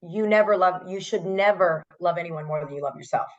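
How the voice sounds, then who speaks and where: A woman's voice: fairly low pitch, highs cut off. A woman co-hosting a podcast, chatty and agreeable. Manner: agreeable, chatty, quick to laugh. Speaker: podcast co-host. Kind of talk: casual chat.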